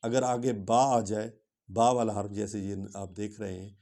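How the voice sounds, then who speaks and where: A man teaching Quran tajweed, reciting verses slowly and melodically, then quickly explaining the rules in between. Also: lowish voice, level tone, vocal fry, warm tone.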